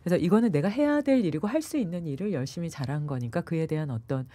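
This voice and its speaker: Animated woman with a lively, mellow voice. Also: sits low, fast. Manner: animated, acts out quoted voices. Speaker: meditation yoga expert guest. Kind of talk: radio talk interview.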